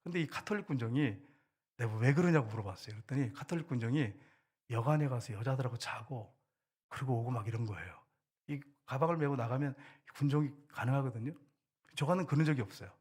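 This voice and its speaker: A man's voice: medium pitch, quick pace, slightly rough. Older man telling a sermon story. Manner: animated storytelling, acting out quoted soldiers. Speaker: pastor. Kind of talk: sermon testimony. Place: church.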